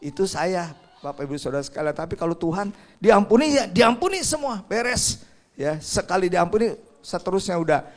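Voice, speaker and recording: A man's voice: high-pitched, moderate pace. Older man preaching animatedly. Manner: animated, swings between loud stresses and quiet asides. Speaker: Sunday school preacher. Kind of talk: sermon.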